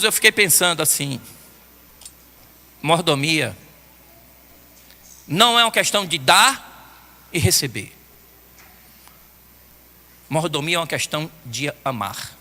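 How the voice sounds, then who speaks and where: An older man with a Brazilian Portuguese accent preaching a sermon, telling stories in an animated way with bursts of shouting. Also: sits high. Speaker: pastor. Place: church hall. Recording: long hall reverb.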